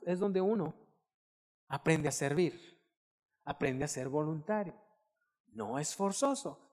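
Animated preaching man in a reverberant hall. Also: sits high. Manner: animated preaching with acted quotes and loud shouted bursts. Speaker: pastor. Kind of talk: sermon.

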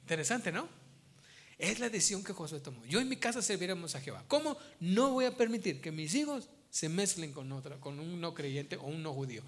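A man's voice: on the high side, animated, a little fast. A man preaching a sermon as pastor, emphatic and repeating his key phrases.

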